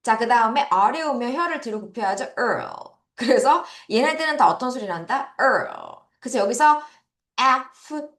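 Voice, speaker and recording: A woman's voice: fairly high pitch, lively intonation, normal speed, fairly bright tone, echoey room. A Korean woman teaching English vocabulary to children, repeating words and correcting their pronunciation.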